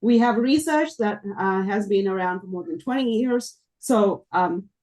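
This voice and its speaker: A woman researcher answering questions on a panel, hesitant, with a hoarse voice that is giving out. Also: medium pitch, unhurried, darkish tone. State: losing her voice, hoarse.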